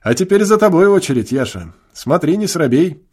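A man's voice: a little high, big pitch swings, moderate pace, a little mellow, breathy edge, voice pushed up. A man doing a kindly tavern keeper. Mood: coaxing. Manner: kindly, coaxing. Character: genial stout tavern keeper, middle-aged man.

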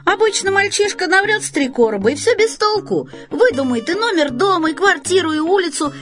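A woman's voice: extremely high pitch, very animated, fairly quick, music in the background, voice pushed up. Woman playing a mustached man, emphatic, knowing, storybook.

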